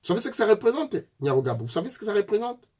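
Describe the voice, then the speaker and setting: A man's voice: high-pitched, big pitch swings, very fast, darkish tone, husky. A man from Congo with a Congolese French accent gives a fiery political address, accusing his opponents directly. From Congo (DRC). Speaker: political activist.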